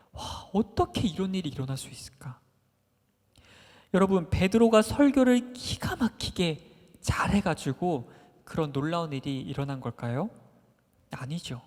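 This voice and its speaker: A children's ministry preacher telling a Bible story as a sermon, lively, asking the children questions and talking in an excited storytelling way. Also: medium pitch. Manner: animated storyteller, questions to the children, constant filler "막". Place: church worship hall. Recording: long reverb of a large hall.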